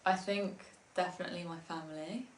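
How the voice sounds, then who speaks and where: A woman's voice: fairly low pitch, fairly even intonation, brisk, reverberant, a little hiss or hum. A young English woman, a musician, chatting casually in an interview, laughing often and filling with ums and likes. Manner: giggly, with many ums and likes.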